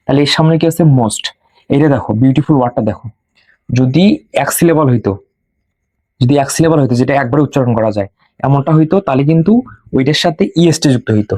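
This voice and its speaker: A man's voice: medium pitch, mellow, no room sound. Bengali-speaking man drilling grammar rules. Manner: slow and drilling, repeats rules for students to memorize. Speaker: English grammar teacher. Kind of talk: classroom lesson.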